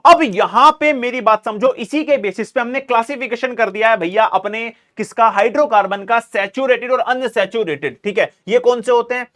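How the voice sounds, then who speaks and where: High-voiced man teaching chemistry. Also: moderate pace, hardly any pauses, fairly bright tone. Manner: repeats phrases while writing, asks and answers own questions; calls students "bhai", casual. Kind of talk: exam revision lesson.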